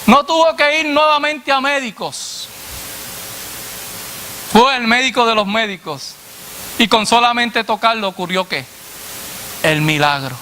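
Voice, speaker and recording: A man preacher delivering a sermon to a congregation, asking "what?" and answering himself in a lower voice, addressing listeners as brother. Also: animated, measured pace, long pauses, sharp tone, slight background noise. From Latin America. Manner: call-and-response questions, dropping low on the answer.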